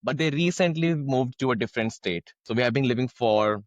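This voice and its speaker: A man's voice: medium pitch, brisk, dry recording, muffled recording. A young man from India hosting a podcast, chatting casually with many restarts and hesitations. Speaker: podcast host. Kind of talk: casual interview chat.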